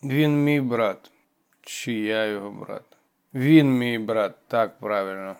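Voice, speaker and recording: A man's voice: fairly high pitch, sing-song, warm tone, pitched above the performer's own voice, full character voice. A man doing a slurring drunk young hero. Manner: slurred, slow, mumbling.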